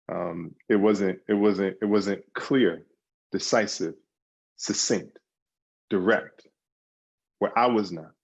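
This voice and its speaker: A man appears as a podcast guest, giving conversational interview answers in emphatic bursts full of repeated words and restarts. His fairly low voice is husky with vocal fry, and the recording sounds lo-fi.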